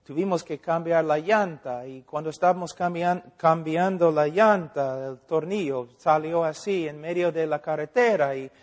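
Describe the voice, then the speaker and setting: A man preaching a sermon, animated, acting out dialogues and asking rhetorical questions. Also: fairly high pitch, normal speed, hardly any pauses. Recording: long hall reverb.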